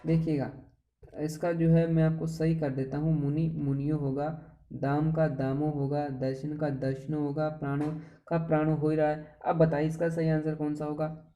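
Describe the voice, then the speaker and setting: A man's voice: on the high side, little pitch movement, normal speed, mellow. A man teaching an exam-prep grammar lesson, chatty and playful, calling viewers friends and brothers and asking them rhetorical questions.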